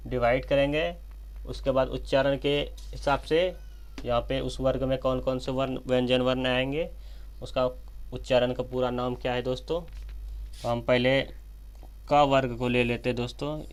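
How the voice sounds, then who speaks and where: A man giving a slow, repetitive whiteboard grammar lesson, often addressing viewers as friends and correcting himself mid-sentence. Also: mid-range voice, smooth. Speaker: teacher.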